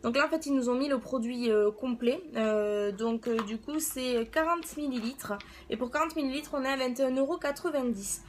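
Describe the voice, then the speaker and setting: A woman's voice: high voice, moderate pace, hardly any pauses, slight background noise. A woman giving a casual product review as a beauty vlogger, chatting in a hesitant way as if thinking aloud.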